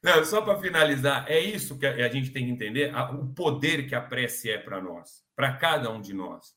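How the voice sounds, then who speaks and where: A man's voice: mid-range voice, lively intonation, moderate pace, bright, forceful tone, echoey room. A man giving earnest, informal religious teaching on a talk program, with joking asides. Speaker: spiritist program speaker.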